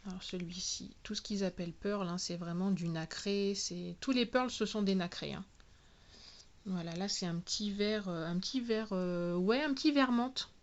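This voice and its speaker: A woman talking casually through a product unboxing, spelling out each product name slowly and clearly. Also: medium pitch, highs cut off. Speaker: nail product reviewer.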